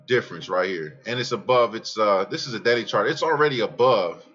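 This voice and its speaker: Brash, bright-voiced man ranting on trading. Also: fairly low pitch, a little fast, muffled recording. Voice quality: calls his own voice aggressive. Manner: brash, profane, excitable, trails off mid-sentence. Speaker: crypto trading vlogger. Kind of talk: casual rambling chart commentary.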